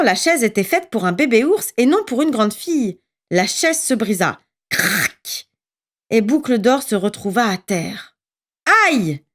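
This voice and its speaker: A woman narrating a children's story in an expressive, lively reading voice. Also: on the high side.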